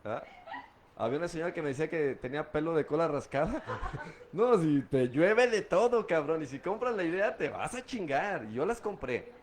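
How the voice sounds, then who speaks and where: Animated and a little high-pitched, a Mexican-accented middle-aged man from Guadalajara talks at normal speed over slight background noise. He's a guest giving a candid, foul-mouthed account of his drinking past, heavy with street slang.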